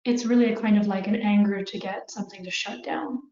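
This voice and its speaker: A woman therapist giving a calm, explanatory talk to viewers, often checking in with "right?". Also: mid-range voice, fairly quick. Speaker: therapist teaching about couples. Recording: echoey room, dull sound.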